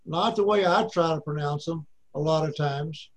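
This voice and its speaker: A man's voice: fairly high pitch, moderate pace. A man in his seventies from Arkansas with an Arkansas accent, teaching a Bible class in a folksy way and repeating his points for emphasis.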